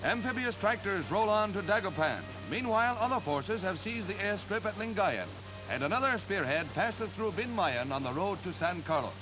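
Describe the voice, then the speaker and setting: A man narrating war footage in brisk, emphatic 1940s newsreel style, with old newsreel sound. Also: sits high, lively intonation, rough recording. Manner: brisk, emphatic announcer delivery. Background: loud music.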